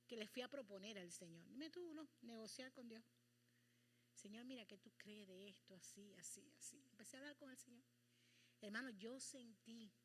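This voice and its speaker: A middle-aged woman pastor teaches from the pulpit in an animated way. Her voice sits high and sounds bright and forceful. She acts out prayers and small scenes to make her point. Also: slight background noise. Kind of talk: Bible study sermon.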